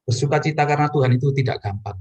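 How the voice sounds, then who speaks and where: A man delivers a sermon testimony in a mid-pitched voice. His storytelling is earnest, and his voice leaps upward at moments of emphasis. He speaks straight to the listeners in front of him. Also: rapid-fire, a little mellow, slightly rough, highs cut off. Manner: addresses listeners directly. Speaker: preacher giving a personal testimony.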